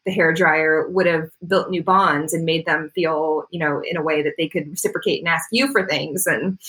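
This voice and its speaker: An artist and climate activist, Canadian-born but raised in Florida, speaks as an interview guest with a North American accent. Her low, fairly bright voice holds a fairly even intonation at a moderate pace, and she rambles casually in a self-deprecating way over poor audio.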